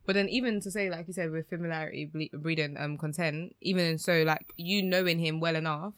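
A woman's voice: sits low, steady tone, fairly quick, smooth, dry recording, clean studio sound. A woman with a London accent in casual discussion, explaining her points and often checking she is understood.

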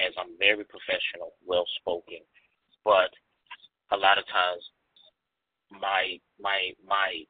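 A man in his forties, appearing as a podcast guest, talks candidly and emphatically, repeating phrases for stress. His voice sits low with a breathy edge, and the audio is dry, tinny and phone-like with no echo.

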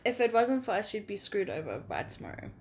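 A woman's voice: mid-range voice, wildly swooping pitch, quick pace. A young woman, making wry teasing remarks in a casual chat with friends.

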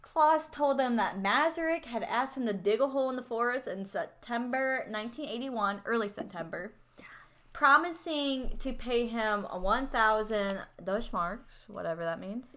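A woman with a fairly high voice co-hosting a relaxed true-crime podcast. She talks bluntly and swears freely, often trailing off mid-sentence and then picking the thread back up. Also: moderate pace. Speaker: podcast co-host. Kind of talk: casual true-crime chat.

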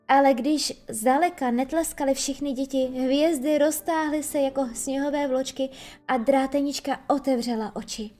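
A woman narrating a children's fairy tale as an audiobook, expressive and storytelling. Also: sits high. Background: faint background music.

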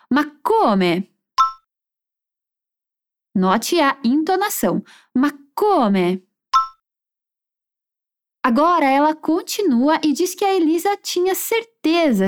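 A woman teaching a language lesson, slowing down to model phrases clearly for learners to repeat. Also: high-pitched.

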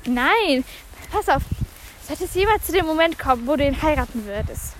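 Super high pitched girl teasing her friend, lively and bouncy, noisy outdoors with animals around. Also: normal speed. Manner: teasing, giggly and loud. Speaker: podcast co-host. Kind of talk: casual chat.

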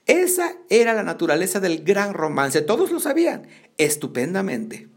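A man reads a novel aloud in a steady, storytelling voice that is gravelly with fry. His pitch sits a little high, and he restarts lines when he stumbles. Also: normal speed. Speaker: audiobook reader.

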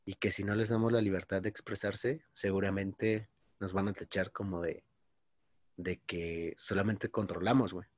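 A man in his twenties with a Mexican Spanish accent tells a long story in casual slang. His voice sits fairly low. The sound is dry and close, with no room around it. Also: fairly even intonation, normal speed, no echo. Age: 20s. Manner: slangy, says "güey" constantly, storytelling. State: coughing. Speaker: podcast co-host. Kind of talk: casual chat.

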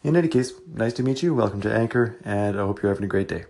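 A man's voice: lowish voice, expressive, quick pace, darkish tone. A man and fellow podcaster leaving a casual voice message, slightly hesitant.

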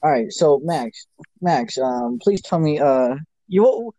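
Teen guy keeping the convo going on a call, higher voice, bouncy pitch, teasing. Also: animated, slow pace, dark tone, dry recording. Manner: steers the talk, teasing. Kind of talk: casual chat among friends.

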